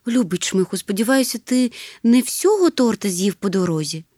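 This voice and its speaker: A woman voicing a gentle, caring troll mother who talks in a soft, fussy, soothing way. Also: mid-range voice, big pitch swings, moderate pace, dry recording, studio quality. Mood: fussing.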